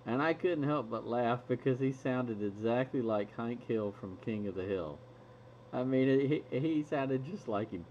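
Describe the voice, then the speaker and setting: A man's voice: medium pitch, measured pace. A man hosting a radio hobby stream, chatting casually and laughing often between stories. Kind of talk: casual chat. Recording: muffled lo-fi recording, faint hiss.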